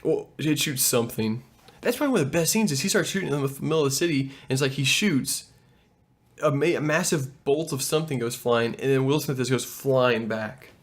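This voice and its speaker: A man's voice: medium pitch, a little fast. A young man in casual, profane chat about a movie, retelling scenes and swearing often. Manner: swears a lot, retells scenes with quoted voices. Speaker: movie review co-host.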